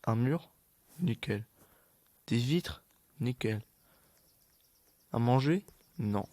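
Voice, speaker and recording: A man with a mid-pitched voice gives off-the-cuff gameplay commentary. He rambles to his audience and to himself in a playful, mock-exasperated way. The sound is close and dry, with very little room. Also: lively intonation, drawn-out words, darkish tone, no room sound. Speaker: gaming video creator.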